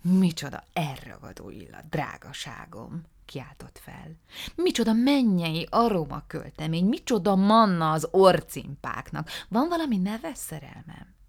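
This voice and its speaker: A woman's voice: fairly low pitch, big pitch swings, vocal fry. A woman voicing a fussy, theatrical little male art dealer who talks in a flowery, gushing way.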